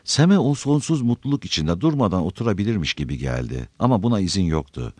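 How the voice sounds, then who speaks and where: A man with a low voice narrates a fantasy novel with lively, swinging intonation. His reading is dramatic and the recording sounds dry and close, with no room around it. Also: quick pace, breathy edge, no echo. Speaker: audiobook narrator. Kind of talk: expressive audiobook narration.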